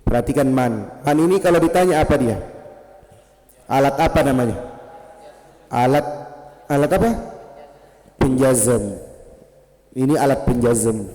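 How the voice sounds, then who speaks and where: A man with an Indonesian accent teaching grammar in a mosque, slow and patient, quizzing his students with questions. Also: medium pitch, mellow. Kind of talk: classroom lesson. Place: mosque hall. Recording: reverberant mosque hall.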